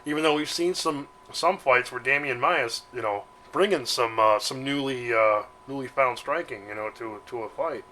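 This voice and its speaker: A man giving casual fight predictions in a rambling, halting way, often restarting and tossing in "man" and swearing. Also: mid-range voice, sharp tone, a little hiss or hum. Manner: loose and profane. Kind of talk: casual chat.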